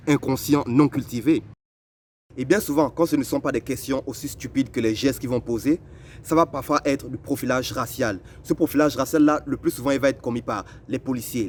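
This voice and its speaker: A young man from Africa telling personal stories to the listener in a lively, conversational way. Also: medium pitch, slight background noise. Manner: animated, conversational, addresses the listener directly. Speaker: vlogger. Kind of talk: personal storytelling.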